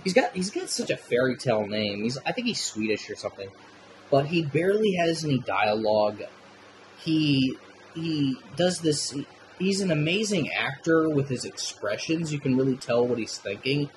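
A man chatting through a film review with loose, unscripted enthusiasm and a casual habit of swearing. His pitch swings widely as he gushes, and a faint noise hums in the background. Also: sing-song, normal speed, poor audio.

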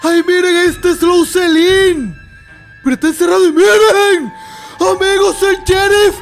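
Very high-voiced excitable male YouTuber. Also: measured pace, soft background music. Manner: excitable, calls viewers friends often. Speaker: YouTuber host. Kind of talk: excited game trailer reaction.

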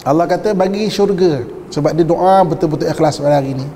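Man, preacher, storytelling sermon, lively and joking, high voice, long hall reverb. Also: brisk, a little hiss or hum. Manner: lively, joking, speaks straight to the audience. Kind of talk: storytelling religious talk to a live audience.

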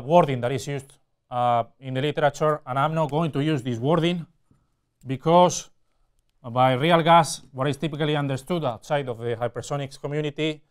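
Clear-voiced man lecturing, halting and explanatory. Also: mid-range voice. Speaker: university lecturer. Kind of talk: technical lecture at a whiteboard with slides. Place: indoor classroom or studio with whiteboard.

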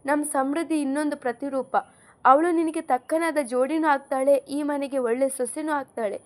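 Woman reading a gentle motherly elder. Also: sits high, steady tone, normal speed, natural voice. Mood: earnest. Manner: coaxing, motherly. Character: kind elderly mother arranging marriage, gentle. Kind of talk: audiobook character reading.

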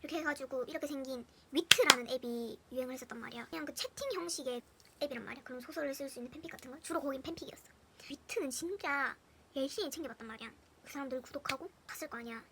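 A young woman with a Gyeongsang Korean accent telling funny school stories to her viewers in a casual, animated way, swinging between hushed whispers and loud bursts with lots of laughter. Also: sits high, racing, noisy background. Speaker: storyteller vlogger. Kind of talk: casual anecdote storytelling to viewers.

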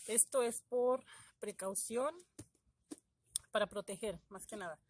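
Excited woman unboxing plants. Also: mid-range voice, measured pace, slight background noise. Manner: excited and emotional, giggly, talks to viewers. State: trembling with excitement. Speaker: gardening vlogger. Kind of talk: casual unboxing vlog.

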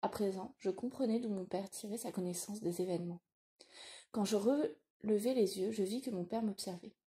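A woman narrating a literary audiobook in a measured, reflective way. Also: medium pitch, mellow.

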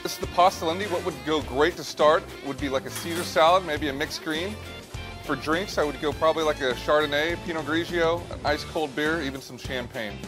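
A brisk male chef with a voice on the high side talks through a recipe by a hot stove in a restaurant kitchen, music playing behind him. It's a cooking demonstration, and his manner is relaxed as he explains each step he takes.

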